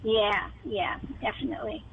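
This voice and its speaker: A woman's voice: mid-range voice, normal speed, vocal fry, husky. A woman caller on a clipped phone line from her car, rambling through details to a radio advice host. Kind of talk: call-in radio talk. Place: inside a car.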